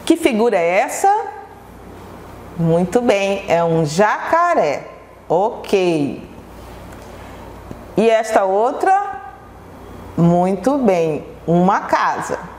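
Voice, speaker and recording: A woman's voice: mid-range voice, big pitch swings, very slow, long pauses, a little mellow, reverberant, big-room sound, slight background noise. A woman from Brazil teaching a televised lesson to children, patiently asking questions and answering them herself.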